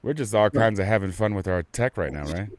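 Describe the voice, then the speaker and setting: A man's voice: lowish voice, lively intonation, a little fast, crowd noise. A man hosting a casual live podcast, talking in a rambling, stop-start way with lots of restarts and fillers. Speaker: podcast host. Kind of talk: casual live-stream chat.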